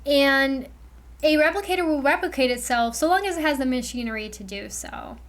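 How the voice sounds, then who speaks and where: A woman's voice: high-pitched, brisk. A woman giving a casual lecture on a livestream, chatty and loose, full of "like" and "you know". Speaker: streamer explaining memetics.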